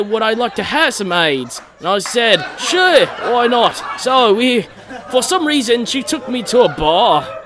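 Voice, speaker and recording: Male stand-up, high voice, laughs at his own jokes; noisy club, audible crowd. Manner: chuckles through his own punchlines. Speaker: stand-up comedian. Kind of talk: stand-up routine. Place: comedy club stage with a live audience. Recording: loud crowd and club noise.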